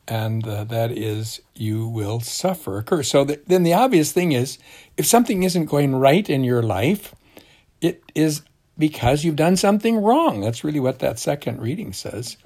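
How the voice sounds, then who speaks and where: A man's voice: medium pitch, expressive, moderate pace, warm tone. A man co-hosting a daily devotional program, talking through scripture in a genial, preaching way. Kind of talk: devotional radio talk.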